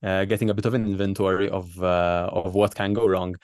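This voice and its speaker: A man speaking as an interviewed doctor, explaining in a conversational way with halting, repetitive phrasing. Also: low voice, little pitch movement, darkish tone, clean tone, no echo, clean studio sound. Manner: halting, hesitant phrasing with repeated words. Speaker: doctor and researcher being interviewed.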